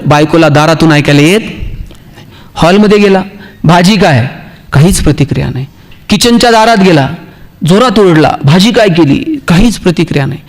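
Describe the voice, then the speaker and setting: High-voiced Marathi man giving a motivational talk. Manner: storytelling, acts out dialogue, jokes with the audience. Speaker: motivational speaker. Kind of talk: motivational speech with humorous stories.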